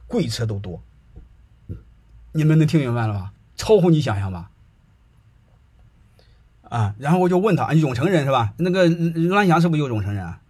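A man's voice: a little high, a little mellow, husky. A middle-aged man telling anecdotes to an audience in a chatty, colloquial way, often asking whether listeners follow. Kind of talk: casual storytelling to an audience.

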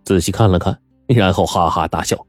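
A man narrating a story in an animated storytelling manner. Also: sits low, a little fast, no room sound, faint music behind. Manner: lively, animated.

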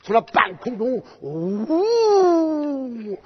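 A man with a Henan accent performing a zhuizi sung story, lively and dramatic, breaking into shouts. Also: high-pitched, normal speed, husky. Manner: lively, dramatic, switching between speech and shouted song. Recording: echoey lo-fi hall recording with faint music.

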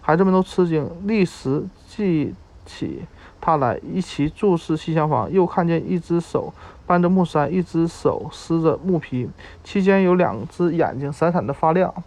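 A man reading a story aloud at a slow, measured pace, with occasional halting restarts. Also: on the high side, gravelly, darkish tone. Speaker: narrator.

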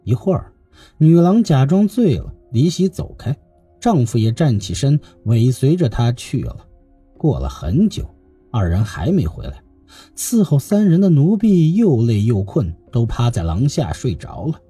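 Dark husky male storyteller. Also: mid-range voice, measured pace, faint music behind. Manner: lively expressive reading. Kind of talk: scripted narration of a classical tale.

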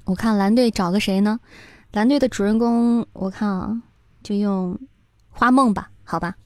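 A woman's voice: mid-range voice, moderate pace, darkish tone, no echo. A woman hosting a live-streamed party game in casual talk, playful and often laughing. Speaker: livestream host. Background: background music.

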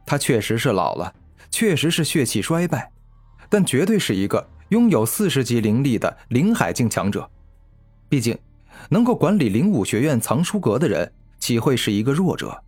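A man narrating a fantasy web novel in an expressive storytelling manner. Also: medium pitch, moderate pace, breathy edge, soft background music. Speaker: audiobook narrator.

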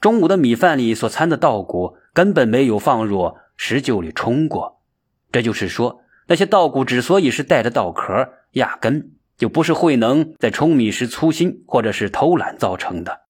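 Husky male storyteller, calm and measured. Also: mid-range voice. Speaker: narrator. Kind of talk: storytelling narration.

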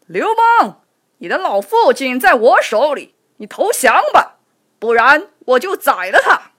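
Woman putting on a loud shouting warlord, high strained yell, husky. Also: very animated, unhurried, exaggerated voice. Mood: furious. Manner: bellowing threats across a river. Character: furious boastful male warlord, shouting.

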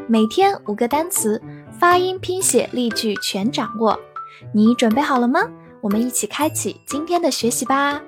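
A woman teaching English vocabulary, spelling words letter by letter and repeating them slowly for learners. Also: fairly high pitch, breathy edge, dry recording, clean studio sound. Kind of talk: vocabulary lesson.

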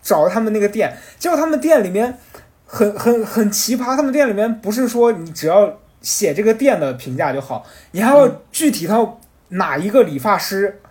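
A man telling a rambling, animated story in casual podcast chat. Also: sits high, normal speed.

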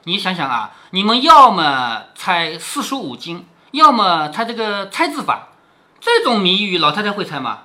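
A man's voice: high voice, big pitch swings, moderate pace, sharp tone. A middle-aged man reading a classic novel aloud and stopping to explain it in plain talk, often asking "right?". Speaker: storyteller reading a classic novel to his daughter.

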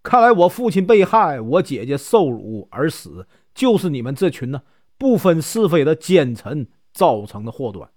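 A hot-tempered young lord spits out angry insults, as a male storyteller acts him out. His voice sits fairly high and moves with lively pitch, close and dry. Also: normal speed, no echo. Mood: furious.

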